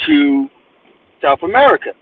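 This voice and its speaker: A guest author from New Jersey tells stories emphatically in an animated interview, acting out what people say to him. His high, creaky, narrow voice swings widely in pitch at an unhurried pace, and the tinny audio carries crowd noise.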